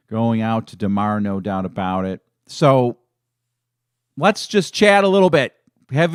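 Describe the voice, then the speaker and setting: A man's voice: mid-range voice, dry recording, studio quality. A middle-aged man hosting a fan live stream, talking in a casual, emotional and rambling way with many restarts. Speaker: fan channel host.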